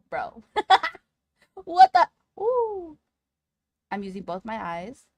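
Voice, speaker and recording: Female livestreamer, cute excitable anime-streamer delivery, very lively intonation, close dry sound. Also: fairly high pitch, very slow, no room sound. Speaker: livestreamer talking to chat. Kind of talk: casual livestream chat.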